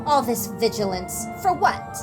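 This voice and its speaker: A woman's voice: fairly high pitch, very animated, measured pace, music in the background. A woman reading a prim young village girl. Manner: politely formal, curt.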